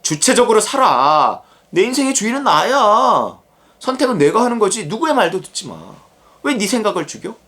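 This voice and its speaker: A coaxing devil whispering temptation, insistent and climbing higher with each push, its pitch swinging widely, as a preacher puts it on. It is played in the middle of a sermon. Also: very animated, moderate pace, fairly bright tone. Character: tempting devil urging self-will.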